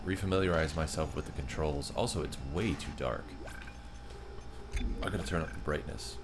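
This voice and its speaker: A man in his thirties chats casually with viewers during a live gaming stream, reading their messages aloud. His rumbling low voice moves at a normal speed over loud music.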